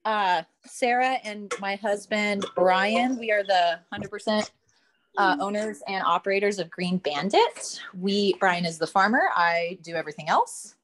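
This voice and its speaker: A woman's voice: mid-range voice, a little slow, fairly bright tone. A woman co-owner of a farm introducing herself in a chatty, friendly way in an online meeting. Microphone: video call.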